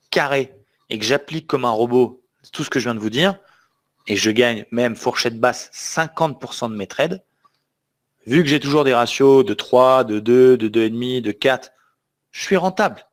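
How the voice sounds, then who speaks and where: A trading trainer with a mid-range voice leads a live online webinar at a moderate pace. He speaks emphatically and keeps asking the audience questions to make sure they're following.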